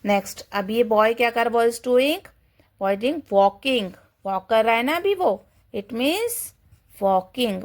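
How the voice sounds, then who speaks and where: A woman teaching a kindergarten English lesson in Hindi and English. She explains slowly and patiently, asks questions and answers them herself, and imitates animal sounds. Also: a little high.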